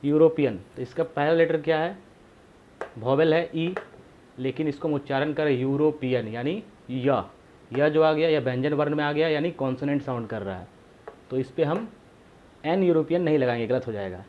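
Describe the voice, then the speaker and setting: A man's voice: on the high side, moderate pace, phone-quality sound. A man teaching a grammar lesson, explaining patiently and repeating himself, asking rhetorical questions to his viewers.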